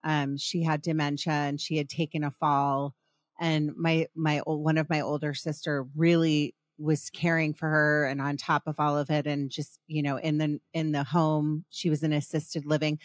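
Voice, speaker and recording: A woman's voice: deep voice, level tone, normal speed, no echo, clean studio sound. A middle-aged woman hosting a podcast in casual chat, rambling and passionate, often restarting her sentences. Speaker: podcast host.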